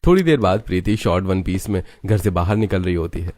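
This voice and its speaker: Man, cartoon narrator, scripted storytelling, low voice. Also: animated, brisk, a little mellow.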